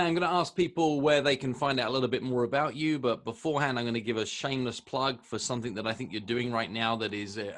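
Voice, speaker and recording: A man with a fairly low voice hosts an interview over a remote call. He speaks in a measured way and builds long, winding questions. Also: a bit bright. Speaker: podcast host. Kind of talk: interview host.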